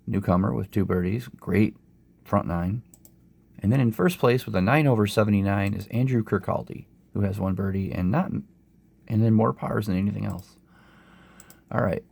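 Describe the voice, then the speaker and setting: A man with a sore throat and summer cold, casually narrating a golf game as host in a low-energy, unhurried way. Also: a little mellow. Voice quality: low, gravelly. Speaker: host of a sports gaming channel.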